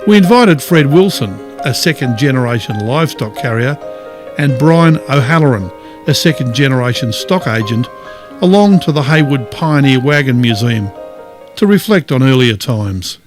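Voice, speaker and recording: A man with an Australian accent delivers scripted documentary narration at a medium pitch. Faint music plays underneath. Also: lively intonation, moderate pace.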